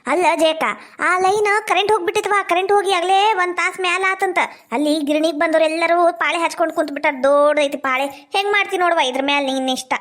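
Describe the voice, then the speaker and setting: Very high-voiced North Karnataka village woman. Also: a little fast, fairly bright tone. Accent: North Karnataka Kannada. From Gadag region, Karnataka. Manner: chatty gossiping banter, rustic dialect. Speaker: village woman in comedy skit. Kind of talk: scripted village comedy skit.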